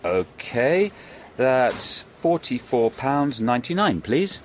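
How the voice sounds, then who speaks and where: Male ticket clerk, polite, careful, animated intonation, faint noise behind. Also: medium pitch, slow pace. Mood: polite, businesslike. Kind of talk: scripted language-course dialogue.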